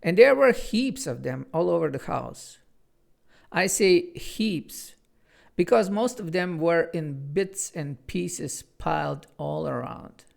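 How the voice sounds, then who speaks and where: This Bulgarian man, accent and all, gives an earnest chatty introduction and then reads his own storybook for children. He's a little high-pitched, animated yet slow, with vocal fry.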